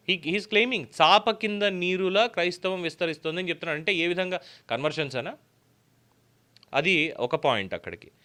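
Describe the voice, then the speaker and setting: A man with a Telugu accent hosts a news commentary segment. His voice is fairly high and very bright. He argues his point with sarcasm and a lot of filler sounds. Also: clean tone. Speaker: host.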